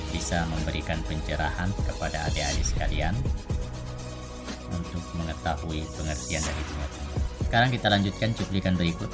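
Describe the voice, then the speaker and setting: A man presenting a lesson as a teacher, explaining deliberately, phrase by phrase. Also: very deep voice.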